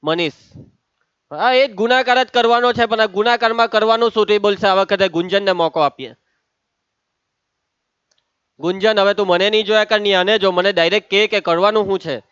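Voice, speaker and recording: High-voiced teasing maths teacher. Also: male voice, a little fast, long pauses, a bit bright, clear, resonant tone, dry recording, dull audio. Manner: teasing, calls on students by name. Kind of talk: lively classroom lesson.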